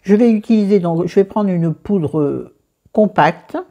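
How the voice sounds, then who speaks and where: In a medium-pitched, dark voice with the highs cut off, a middle-aged woman from the south of France talks through her makeup and skincare at a measured pace. The beauty vlogger is chatty and laughs at herself, greeting viewers and friends by name.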